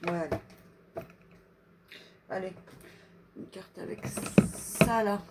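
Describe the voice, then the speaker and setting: Slow-talking woman reading affirmations. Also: mid-range voice, very noisy. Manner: slow, drawn-out reading of affirmations, chatty asides. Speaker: energy reader and card reader. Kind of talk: live card reading with affirmations.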